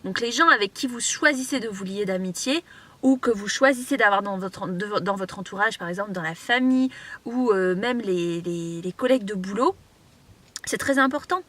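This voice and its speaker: A woman's voice: mid-range voice, moderate pace, a bit bright. A young woman from Mauritius giving casual life advice to camera from inside a parked car, chatty, with many fillers and restarts. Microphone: camera on a tripod.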